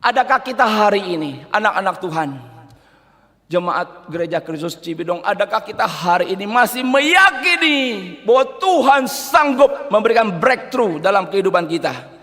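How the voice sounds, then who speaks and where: A male pastor preaching a sermon, animated, asking the congregation rhetorical questions and dropping English words into his speech. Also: high voice, moderate pace, long reverb tail. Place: church service.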